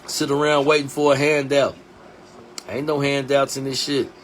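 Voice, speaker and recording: A man in his forties hosting a live stream, talking bluntly in street slang and dropping his voice low and quiet to hammer a point home. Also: level tone, normal speed, a little hiss or hum. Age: 40s. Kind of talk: casual live stream talk.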